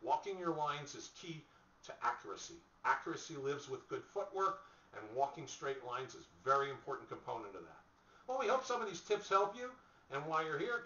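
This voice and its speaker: A man's voice: on the high side, pushed and bright, a little hiss or hum. Middle-aged man coaching on an echoey webcam. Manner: plain-spoken coaching, with fillers and restarts. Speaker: bowling instructor. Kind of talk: instructional tips video. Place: small indoor room, seated in a chair. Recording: echoey room, distant mic, dull lo-fi sound.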